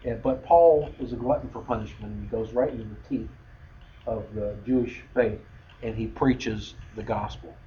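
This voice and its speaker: A man's voice: fairly low pitch, fairly even intonation, moderate pace, dark tone. A man giving an unscripted bible history lesson, rambling with frequent fillers and restarts. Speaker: bible study teacher. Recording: dull lo-fi recording with faint noise.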